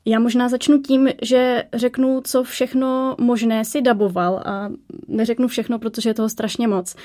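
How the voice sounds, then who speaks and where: A woman's voice: a little high, fairly even intonation, mellow. A woman hosting an interview in a chatty, joking manner. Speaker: host. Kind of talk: interview chat.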